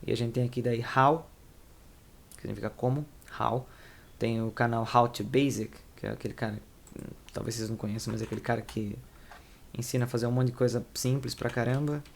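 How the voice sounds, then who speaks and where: A man's voice: medium pitch, gravelly, darkish tone, slight background noise. A young Brazilian man with a Brazilian Portuguese accent, teaching an English lesson in a rambling, informal way and correcting himself as he goes. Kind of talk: casual explanatory lesson.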